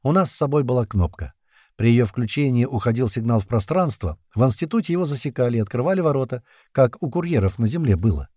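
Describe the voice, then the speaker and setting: A man's voice: mid-range voice, fast, no room sound. Give me a man reading a first-person thriller audiobook. His voice moves up and down expressively and sounds close and dry. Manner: expressive, tense storytelling. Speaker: narrator.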